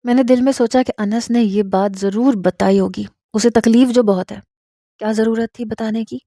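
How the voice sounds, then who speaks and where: A woman narrating a first-person romantic story in a steady, scripted reading style. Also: fairly high pitch, dry recording, studio quality.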